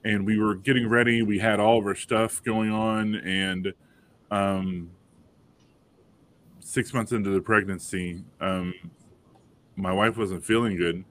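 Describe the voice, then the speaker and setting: A man, telling a personal story on a panel, halting with fillers and restarts but animated when quoting others. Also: fairly low pitch. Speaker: panel guest father.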